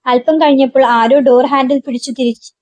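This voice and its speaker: A woman narrates a novel aloud at a steady, even storytelling pace. Her voice is high, and the recording is dry and close with no room echo. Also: fairly quick.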